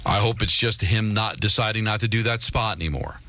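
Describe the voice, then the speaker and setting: A man's voice: fairly low pitch, brisk, sharp tone, no echo. A man co-hosting a sports talk radio show, arguing emphatically with repeated starts and rhetorical questions.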